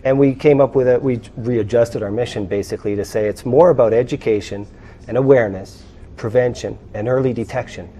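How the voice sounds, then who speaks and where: A man's voice: mid-range voice, a little fast, dark tone, a little hiss or hum. A man on a charity board, explaining his foundation in an earnest way with some fillers.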